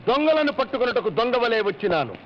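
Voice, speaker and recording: A blustering bumbling police inspector. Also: male voice, extremely high pitch, very animated, fast, slight background noise. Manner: swaggering threats, tosses in English phrases. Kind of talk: film comedy acting. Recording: dull lo-fi film audio.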